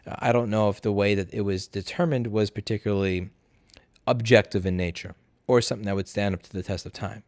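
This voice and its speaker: A man's voice: lowish voice, fairly even intonation, a little fast, a little mellow, dry recording. A drunk man hosting a casual livestream Q&A, reading out viewer messages and answering them in a blunt, profane, argumentative way. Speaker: livestream host.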